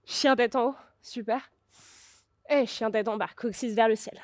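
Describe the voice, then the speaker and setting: A woman leading a guided yoga class, calmly cueing each breath and pose and encouraging the listener along. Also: fairly high pitch, a little slow, no room sound, studio quality. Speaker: yoga teacher.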